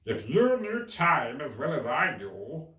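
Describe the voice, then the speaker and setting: A man's voice: a little high, sing-song, slow pace, sharp tone, voice pushed up, full character voice. A man voicing an eccentric, huffy and mournful male storybook Hatter, with an emphatic, theatrical and contemptuous manner. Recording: roomy, distant microphone.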